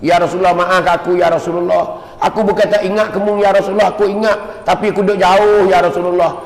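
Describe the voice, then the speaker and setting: A man's voice: high voice, level tone, quick pace, echoey room, big-room sound. A man voicing a grieving old male companion, pleading over and over. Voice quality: pleading, repetitive.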